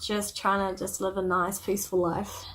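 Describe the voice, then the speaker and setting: A woman's voice: mid-range voice, flat delivery, normal speed, fairly bright tone, low-quality recording. A woman, chiming in casually and laughing during a film chat. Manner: giggly, chiming in with short replies. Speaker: co-host.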